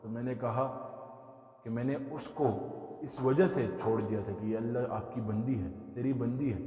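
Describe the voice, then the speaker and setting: A man preaching a sermon, telling a story and voicing its characters as his delivery swells into loud, fervent exhortation. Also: mid-range voice. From Pakistan. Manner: builds to loud impassioned exhortation, voices the figures of the story. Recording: echoey hall sound.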